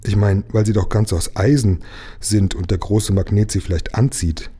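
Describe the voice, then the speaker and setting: A man's voice: on the low side, fairly even intonation, moderate pace, mellow, husky. A man voicing a curious young boy in a storybook read aloud, asking eager questions.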